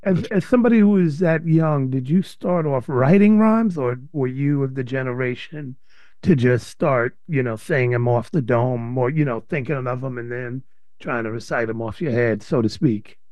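A man's voice: medium pitch, moderate pace, no room sound, muffled recording. A man hosting an interview, casual, with short replies while his guest talks. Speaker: interview host. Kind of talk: radio interview.

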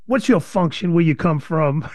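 A man's voice: fairly high pitch, animated, moderate pace, darkish tone, no echo, studio quality. A man hosting an interview, casual, with short replies while his guest talks. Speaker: interview host. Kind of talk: radio interview.

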